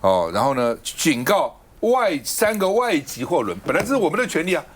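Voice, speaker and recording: A man's voice: a little high, very animated, fairly quick, a little hiss or hum. A man hosting a political talk show, arguing his points with a stream of rhetorical questions into a studio mic. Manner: argumentative, fires off rhetorical questions.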